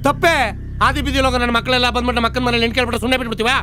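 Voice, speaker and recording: A raging village uncle hurls threats and insults at a fast clip. His voice sits very high and sounds bright and cutting. Film music plays faintly underneath. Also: flat delivery. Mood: threatening. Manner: shouting threats, abusive. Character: hot-tempered loud village uncle, middle-aged man. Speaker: girl's maternal uncle.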